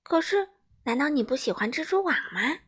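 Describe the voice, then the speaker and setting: An eager, curious little storybook boy whose lines lift high and bright, as a woman reads him. He sounds friendly and keen. The voice sits well above an ordinary woman's pitch. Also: animated, normal speed. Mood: gentle. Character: cheerful, curious young male character. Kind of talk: children's storybook reading.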